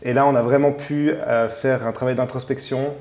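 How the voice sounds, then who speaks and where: A man's voice: mid-range voice, fairly even intonation, moderate pace, a little mellow. A man in his thirties, a musician guest in a casual radio interview, who talks with many fillers and restarts.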